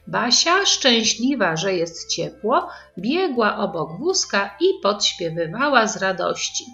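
A woman reading a children's story aloud to preschoolers, slow and expressive. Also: medium pitch. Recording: slightly dull recording with faint music.

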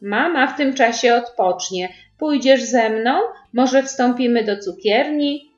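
A woman's voice: a little high, takes it slowly, reverberant, muffled recording, soft background music, pitched above the performer's own voice. A woman voicing a cheerful, doting young father in a storybook. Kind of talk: storybook reading.

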